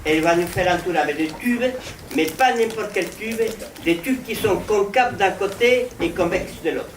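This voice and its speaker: A male presenter delivers comic stage patter to introduce acts. His voice comes from a distance in an echoing room, with clear noise over the recording. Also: high voice, moderate pace. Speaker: show presenter.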